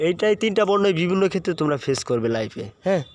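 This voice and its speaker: A man's voice: high voice, sing-song, rapid-fire, a little mellow. A young man teaching a pronunciation lesson, explaining step by step, repeating points and asking his students questions.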